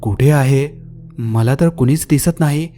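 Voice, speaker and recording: A man voicing a relaxed young man who brushes off fears in a calm, dismissive way. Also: medium pitch, a little slow, soft background music, lightly acted. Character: easygoing young man, bold and teasing.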